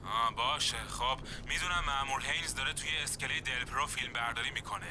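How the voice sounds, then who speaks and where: A wary tech fixer in a crime game, talking over a speakerphone with clear noise around him. His mid-pitched male voice is business-like, with dry remarks. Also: bright, forceful tone. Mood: dry, businesslike.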